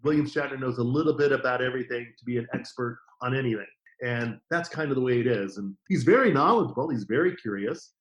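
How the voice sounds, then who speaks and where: A middle-aged man, a guest on a podcast, telling stories about his career in a casual, lively way and acting out the quotes. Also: mid-range voice, fast talker, dull audio. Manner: lively anecdotes with acted-out quotes. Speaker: podcast guest, TV formats distributor. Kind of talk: casual interview storytelling.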